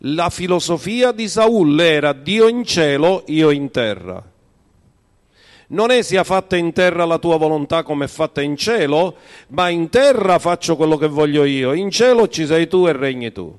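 A man preaches a sermon, his voice sitting a little high for a man. He sinks into low, hushed stretches, then swells into forceful rises for emphasis. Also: animated, moderate pace. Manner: preaching with sharp drops to a low, quiet voice and rising emphatic bursts. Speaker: pastor.

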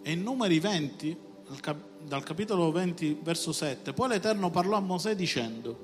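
A man's voice: a little high, lively intonation, normal speed. A man preaching a sermon with passion, rising to emphatic call-and-response. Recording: reverberant hall with music behind. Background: music.

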